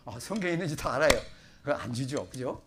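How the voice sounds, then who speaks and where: A middle-aged man from Korea, a pastor giving a chatty sermon, joking about himself and then pressing his points with loud bursts. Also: medium pitch, lively intonation, quick pace, background noise. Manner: chatty, self-joking preacher with sudden loud emphasis. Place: church sanctuary.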